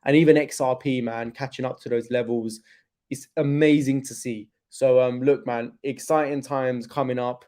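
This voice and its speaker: Laid-back young man, mellow voice. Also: mid-range voice, steady tone, normal speed. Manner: chatty, laid-back, loose with slang and fillers. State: in pain from his hip. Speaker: crypto livestream host. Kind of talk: casual livestream chat.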